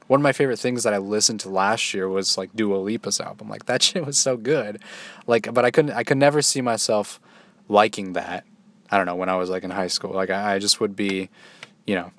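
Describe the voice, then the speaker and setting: A young man in his twenties talking casually to the camera, loose and halting, with many restarts and fillers. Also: lowish voice, fairly bright tone, no room sound. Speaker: solo vlogger. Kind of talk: casual rambling monologue.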